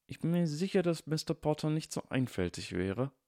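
A man's voice: a little high, very animated, normal speed, warm tone, voice pushed up. A man voicing a hulking boy henchman who mutters in an oddly formal way. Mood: muttering.

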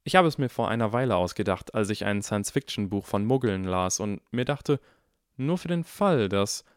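A man's voice: on the low side, lively intonation, moderate pace, smooth, no echo, studio quality, close to an everyday voice. A man voicing a clever eleven-year-old boy who talks in a cold, icy and precise way in an audiobook. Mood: quick.

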